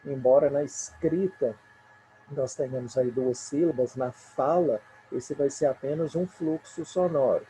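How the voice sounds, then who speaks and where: A man's voice: mid-range voice, a little slow, mellow, a little hiss or hum, poor audio. A man with a Brazilian Portuguese accent teaching a recorded remote lesson, patiently counting poetic syllables aloud.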